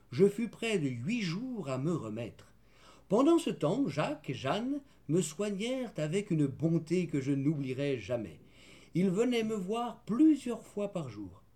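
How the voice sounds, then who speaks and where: A man narrating a children's storybook in the first person, measured and gentle. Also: on the high side. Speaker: audiobook narrator.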